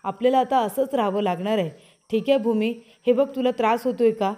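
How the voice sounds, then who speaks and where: A woman voicing a young husband who keeps calming his wife and coaxing her to stay quiet. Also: a little high, a little fast, natural voice. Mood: soothing. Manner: soothing, coaxing, repeating pleas.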